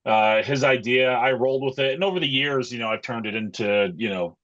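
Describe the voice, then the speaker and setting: A middle-aged man talking casually as an interview guest, in a halting, thoughtful, conversational way. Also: mid-range voice, fairly bright tone, dull audio. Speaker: interview guest, pro wrestler and wrestling coach.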